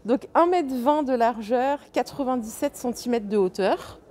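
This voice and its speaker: A woman's voice: fairly high pitch, unhurried, mellow. A woman giving a chatty, enthusiastic shopping walkthrough inside a large furniture store, listing prices and sizes. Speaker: shopping vlogger. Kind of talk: casual store walkthrough vlog. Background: faint store ambience.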